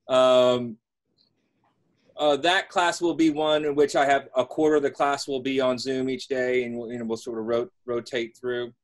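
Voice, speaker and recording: A man explains arrangements to students as a professor. His voice sits at an average pitch, and he is wordy and halting, with a wry edge. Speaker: law professor.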